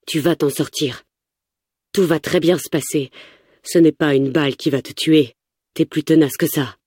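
Woman voicing a protective man, firm, deliberate, low dark tone, audiobook. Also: fairly even intonation, no room sound, clean studio sound. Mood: reassuring. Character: tough man, protective and defiant.

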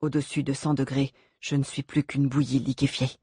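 A reader voicing a strange, sardonic brain-like creature in an audiobook, speaking in low murmured asides. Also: little pitch movement, moderate pace, a little mellow, breathy edge, no room sound, studio quality.

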